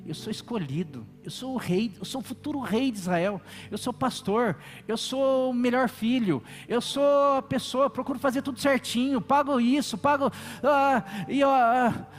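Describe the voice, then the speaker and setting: A man's voice: on the high side, animated, a little slow, long pauses, darkish tone, in a large hall, soft background music, voice pushed down. A man voicing a self-righteous young male king who grumbles in self-pity, in a sermon. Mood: grumbling.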